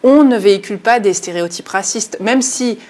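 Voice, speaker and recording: Earnest woman author, halting with fillers. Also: medium pitch, darkish tone. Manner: earnest, hesitant with frequent fillers and restarts. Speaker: journalist and author, interview guest. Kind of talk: studio interview.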